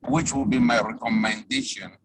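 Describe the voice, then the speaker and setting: A man presenting remotely over a video call whose connection keeps breaking up. He talks haltingly, with many fillers. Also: mid-range voice, fairly even intonation, background noise. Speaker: panelist on an investment webinar.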